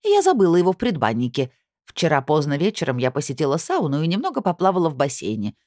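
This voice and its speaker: A woman's voice: sits low, wildly swooping pitch, quick pace, no room sound, studio quality. A woman reading an audiobook, voicing an imperious, grumpy older woman who snaps and barks. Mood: huffy. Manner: loud, snapping, indignant.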